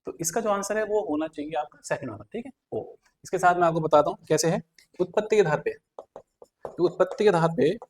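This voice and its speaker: A male teacher works through exam questions one by one, explaining each answer and checking back with his listeners as he goes. His voice sits a little on the high side. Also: a little hiss or hum. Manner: explains step by step with repeated fillers. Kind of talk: exam prep lesson.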